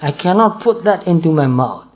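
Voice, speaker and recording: Calm Burmese-accented monk, slightly high voice. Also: male voice. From Burma. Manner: calm, patient, repeats points slowly. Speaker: Buddhist monk teacher. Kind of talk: dharma talk to an audience.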